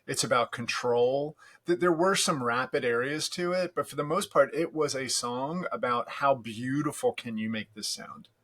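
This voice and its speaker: Bright-voiced man in his fifties reminiscing. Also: medium pitch, normal speed, few pauses. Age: 50s. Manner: reminiscing, wry and self-deprecating. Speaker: podcast guest. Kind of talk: casual chat.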